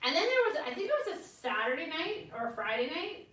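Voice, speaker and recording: Woman, interview guest, giggly storyteller, bright, slightly high, off-mic, very echoey. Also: very animated, fast, recorded from a distance. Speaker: guest, channel co-host. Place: hotel room at a theme-park resort.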